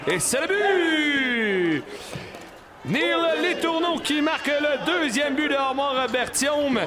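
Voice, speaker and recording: A man with a Quebec French accent giving excited live hockey play-by-play commentary. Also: extremely high pitch, slow pace, over a noisy crowd. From Quebec, Canada. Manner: excited sports commentary, shouting on goals and big saves. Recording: very noisy live outdoor-sounding event recording.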